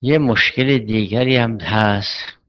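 A man lectures on Islamic jurisprudence in a measured, methodical way, raising questions and answering them himself. His voice sits low. The recording is dull and lo-fi. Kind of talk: seminary lecture.

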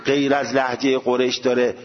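A man giving a seminary lecture, animated and full of rhetorical questions. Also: mid-range voice, in a large hall, dull audio. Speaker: religious studies teacher.

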